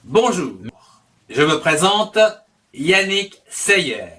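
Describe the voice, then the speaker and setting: Male course author, slow and bright, recorded from a distance. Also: on the high side, sing-song. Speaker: course author introducing his method. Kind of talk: spoken introduction to a lesson. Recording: voice picked up from a distance.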